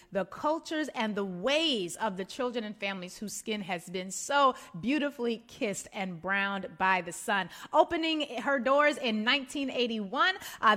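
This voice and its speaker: A woman hosting a radio talk show, her voice bright and forceful. She speaks effusively, smiling as she talks and laughing often. Her voice sits a little high for a woman. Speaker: radio host. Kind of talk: warm on-air introduction and interview.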